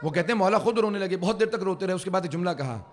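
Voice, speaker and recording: High-voiced male preacher, grieving tone. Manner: slow grieving storytelling, rising to cries. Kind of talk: Muharram mourning sermon. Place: religious centre hall.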